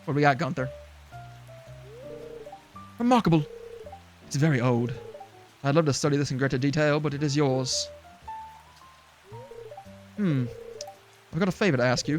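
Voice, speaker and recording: A man's voice: mid-range voice, close to an everyday voice. A man voicing a polite, eager male museum curator in a put-on accent that drifts toward British.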